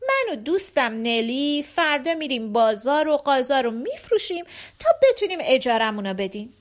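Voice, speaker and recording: Storybook kid: a woman voicing a kind young boy, eager, high voice. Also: sing-song. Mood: comforting. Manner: eager, calling out.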